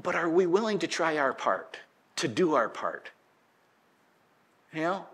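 A middle-aged man preaching a sermon in a church, telling a folksy story in a relaxed way and getting loud and lively as it peaks. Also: a little high, measured pace. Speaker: pastor. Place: church sanctuary.

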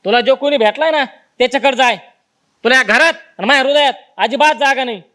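A betrayed rustic husband. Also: male voice, extremely high pitch, fairly quick, bright, forceful tone. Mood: angry. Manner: accusing, scornful.

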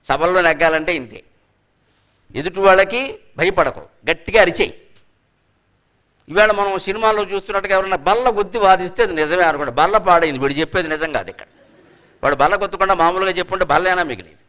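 An older man delivers a spirited lecture, teaching through stories. His voice sits high and carries a bright, ringing edge. He slips into quoted voices and chants classical verse slowly between the explanations. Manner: lively, mixes in Sanskrit verse chanted slowly, acts out quoted characters. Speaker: scholar and lecturer. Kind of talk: public lecture to law students.

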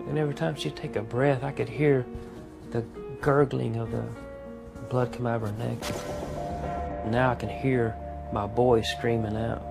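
Gravelly man, flat haunted retelling. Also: mid-range voice. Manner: halting, quiet, haunted retelling. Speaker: guest recounting a family tragedy. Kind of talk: personal testimony.

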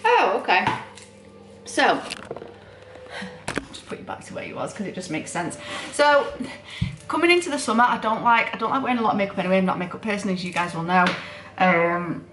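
A woman's voice: mid-range voice, lively intonation, brisk, long pauses, echoey room, background noise. A tired young woman, a student nurse, chatting at home in a rambling, self-deprecating vlog, with the camera set down nearby. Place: home, indoors.

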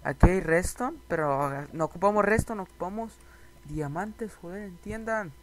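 A young man giving excitable, repetitive commentary over a Minecraft challenge and talking straight to his viewers. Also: sits high, normal speed. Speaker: gaming youtuber.

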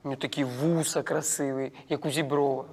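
A man playing a chatty, giggly middle-aged cleaning woman in a comedy sketch, in a shrill put-on female voice with mixed Ukrainian-Russian speech. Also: fairly even intonation, brisk, a little mellow, slightly rough. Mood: gossipy. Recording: echoey room with faint noise.

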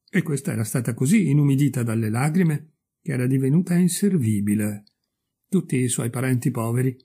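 A man narrating a classic fairy tale in an unhurried, expressive storybook style. His voice is mellow and dark, with a slightly husky grain. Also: mid-range voice. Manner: calm, measured, expressive reading. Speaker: audiobook reader.

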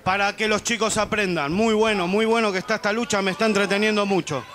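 A man's voice: high-pitched, steady tone, fast, fairly bright tone. A man giving conversational colour commentary and analysis on a wrestling match.

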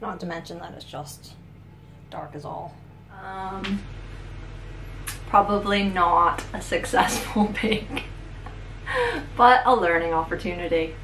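A middle-aged woman vlogging from her home kitchen, self-deprecating and halting, full of ums, filmed on a phone. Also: lowish voice, echoey room, noisy background. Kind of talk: casual kitchen vlog. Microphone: phone camera.

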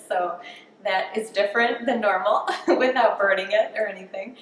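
Cooking in her own kitchen, a woman in her thirties is casually interviewed and speaks frankly, poking fun at herself over learning to cook. She has a medium pitch and a moderate pace. A distant camera mic picks up roomy kitchen acoustics and a faint background hum.

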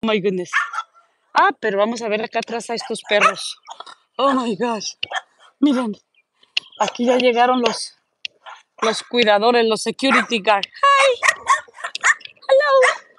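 A woman chatting casually into her phone while she walks outdoors, and she coos in a high voice at the dogs she passes. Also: fairly even intonation, normal speed, long pauses, very noisy. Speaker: vlogger. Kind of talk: casual walking vlog. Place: outdoors on a neighborhood street. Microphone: phone held while walking.

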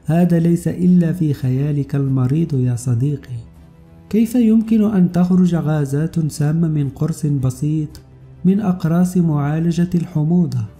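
A man voicing a calm, fearless male intelligence officer in an audiobook story, speaking with quiet, sardonic confidence. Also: a little high, brisk, soft background music, close to an everyday voice. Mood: mocking. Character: calm, fearless male spy hero, mocking.

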